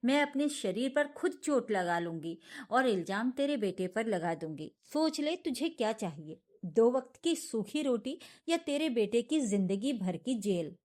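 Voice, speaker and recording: A woman's voice: fairly high pitch, expressive, unhurried, a little mellow. A woman voicing a cruel, scheming young daughter-in-law who talks in a harsh, threatening, mocking way.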